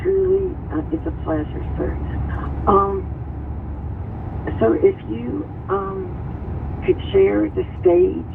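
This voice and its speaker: A woman's voice: medium pitch, takes it slowly, vocal fry, long pauses. A woman co-hosting a radio show, polite and formal with the guest. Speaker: radio co-host. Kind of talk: radio interview. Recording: noisy phone line.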